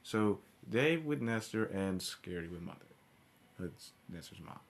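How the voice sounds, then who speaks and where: A cartoon episode reviewer with a fairly low, expressive voice launches into an informal rant. He's blunt and swears heavily, and his speech stalls repeatedly as he backtracks and starts over.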